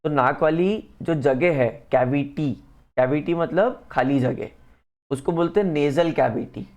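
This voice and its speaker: A man's voice: a little high, unhurried, darkish tone. Man tutoring a student in science. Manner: explains patiently, mixes in English phrases. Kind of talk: one-on-one lesson.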